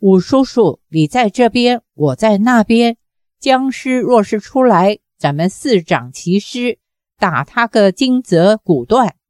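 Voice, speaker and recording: A woman reading out the lines of a steady, protective young warrior who gives orders in a low voice. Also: slow, dry recording, studio quality. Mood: tense.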